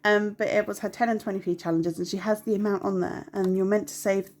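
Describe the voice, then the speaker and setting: A young budgeting vlogger, congested and nasal from a cold, chats casually at home to the camera with many ums, rambling and apologizing as she goes. Her medium-pitched voice is steady, fast and a little mellow.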